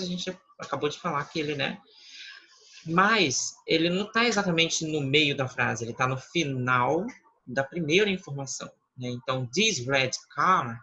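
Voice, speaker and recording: A man with a Brazilian Portuguese accent, explaining English grammar in a slow, patient lesson and checking often that students follow. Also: on the high side, sharp tone, husky, lo-fi sound. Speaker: English teacher. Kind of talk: online class explanation.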